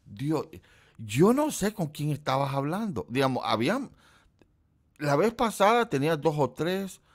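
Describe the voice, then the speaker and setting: A man's voice: big pitch swings, a little slow. A middle-aged man from Central America hosting a livestream, chatting casually with his viewers and teasing them. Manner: chatty, jokes and teases his chat; quotes people in a put-on high voice. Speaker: livestream host. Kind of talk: casual chat with live viewers.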